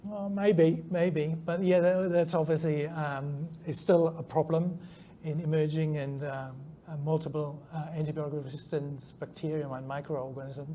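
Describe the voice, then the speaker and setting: Fairly high in pitch yet dark in tone, a middle-aged scientist's voice stays level at normal speed. Born in Germany, he has a New Zealand accent and answers interview questions hesitantly with many ums and restarts, amid faint noise at a conference venue.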